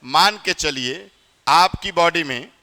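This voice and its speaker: A man with a high, bright voice lectures a classroom in north Indian Hindi, chatty and quick to quiz his students. His voice rings with the long reverb of a hall. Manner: chatty, quizzes students often. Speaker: teacher.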